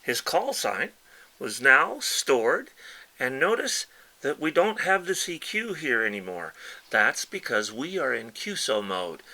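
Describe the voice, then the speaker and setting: The presenter showing off a ham radio keyer has a bright, forward voice in the middle range, with animated shifts in pitch and some vocal fry. His hands-on tutorial moves patiently and casually through simple steps. The recording is rough.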